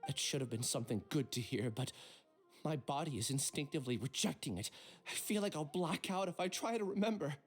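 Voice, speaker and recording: A woman's voice: low-pitched, lively intonation, brisk, faint music behind. A woman playing a troubled, polite young scholar in a game, speaking hesitantly and wearily. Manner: hesitant, downplaying. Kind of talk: scripted game voice acting.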